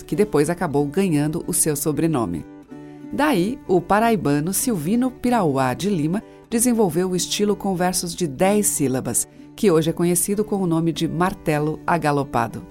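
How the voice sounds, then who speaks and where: A woman radio host giving a measured, scripted introduction to a music selection and explaining a verse form. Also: fairly low pitch, darkish tone.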